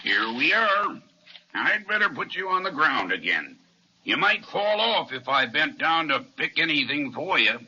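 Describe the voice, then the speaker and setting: An actor playing a huge, kindly giant in the folksy, reassuring style of an old children's radio serial. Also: male voice, fairly high pitch, sing-song, a little slow, background noise. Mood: helpful. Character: huge, gentle, kindly, weak-eyed giant. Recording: dull, band-limited vintage radio recording.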